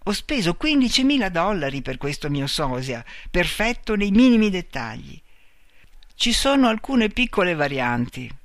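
A man reading aloud and voicing a male robot double who speaks in a calm, tender, pleading way. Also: high voice, normal speed, dry recording, clean studio sound, full character voice. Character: gentle male robot double, soft-spoken and loving.

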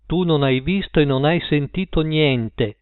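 A man's voice: a little high, a little slow, smooth, no room sound, natural voice. A man reading an audiobook and voicing a frantic, breathless woman who bribes and threatens a boy. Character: frantic large blonde woman bribing a boy. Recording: tinny phone-like line.

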